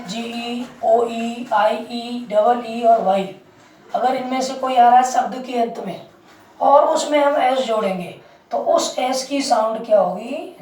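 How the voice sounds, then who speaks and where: A woman's voice: fairly high pitch, darkish tone, distant mic. A woman teaching English pronunciation in a classroom-style lesson, repeating each point and quizzing her listeners with questions. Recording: echoey room, voice from off mic, faint background noise.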